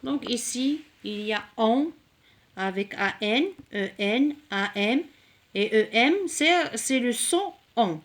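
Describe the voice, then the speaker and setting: A woman teaching a recorded reading lesson for children, saying each word slowly, splitting it into syllables and repeating it patiently. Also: a little high, lively intonation. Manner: slow and deliberate, splitting words into syllables.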